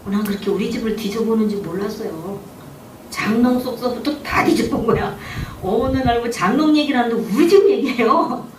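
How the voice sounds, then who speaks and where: A woman pastor delivers a testimony-style sermon, her voice sitting a little high for a woman. She draws her listeners in with rhetorical questions. The recording is distant and roomy, with a faint hiss in the background. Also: moderate pace. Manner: storytelling, asks rhetorical questions. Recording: echoey room, distant mic, faint background.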